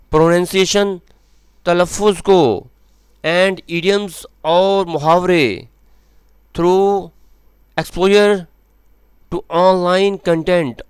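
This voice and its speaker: A male English teacher translating a school text phrase by phrase, repeating each word slowly with its meaning. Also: on the high side, clear, resonant tone, no room sound.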